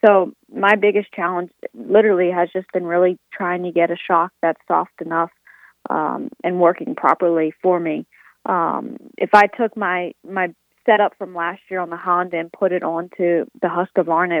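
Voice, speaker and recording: A woman's voice: on the low side, steady tone, dry recording. Young woman talking over a phone line. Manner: halting, filler-heavy speech. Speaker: racing guest. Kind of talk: casual interview answers. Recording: narrow tinny phone line.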